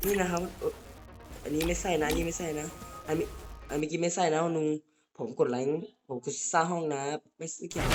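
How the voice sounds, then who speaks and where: A man giving casual, excitable commentary on his own gameplay, swearing freely and talking straight to his viewers. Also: on the high side. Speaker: gaming channel host. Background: game music.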